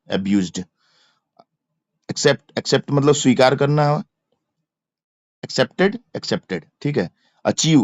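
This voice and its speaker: In a darkish, mid-range voice, a Hindi-accented male teacher spells out words letter by letter and repeats each verb form during an exam-prep grammar lesson. No room sound is audible, and the lo-fi mic is dry and a little dull.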